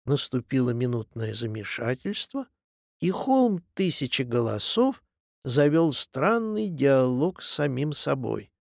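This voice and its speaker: A man narrating a storybook in a measured, expressive reading. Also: medium pitch, gravelly, no room sound, studio quality.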